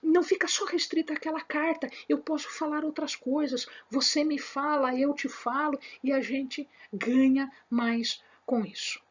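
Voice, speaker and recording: A woman's voice: high-pitched, fairly even intonation, unhurried, few pauses, muffled recording. A woman giving a spoken Bible lesson to her viewers, emphatic and repetitive, with many fillers and restarts. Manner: speaks with her hands. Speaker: Bible study teacher.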